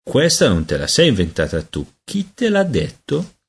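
A man's voice: medium pitch, wildly swooping pitch, moderate pace, vocal fry, breathy edge, pitched above the performer's own voice, full character voice. A man reading a storybook aloud and voicing an indignant, irritable young boy who complains and exclaims.

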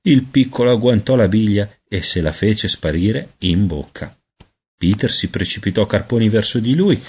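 A man narrating a children's storybook aloud in an expressive storytelling manner. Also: lowish voice, breathy edge. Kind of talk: audiobook narration.

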